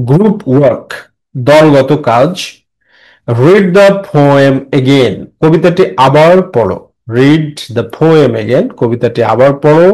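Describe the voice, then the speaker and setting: A young man teaching an English lesson in Bengali, slowing down to read the English lines aloud and explaining each word. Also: fairly high pitch, darkish tone, low-quality recording. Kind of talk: classroom lesson explaining a textbook poem.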